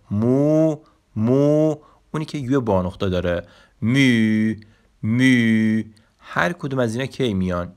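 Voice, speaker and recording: A man teaching a language lesson, patiently repeating example sounds slowly and clearly. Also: on the low side.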